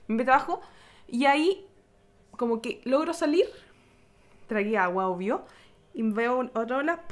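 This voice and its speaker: Young woman, Chilean accent, casual vlog storytelling, animated, sound effects, fairly high voice. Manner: animated retelling with sound effects and acted-out quotes. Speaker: vlogger.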